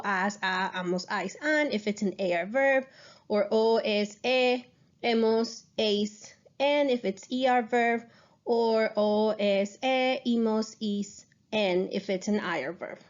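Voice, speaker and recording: A woman teaching a recorded lesson, speaking patiently and stressing the key rules as she explains. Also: medium pitch. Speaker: Spanish teacher. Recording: dull lo-fi recording.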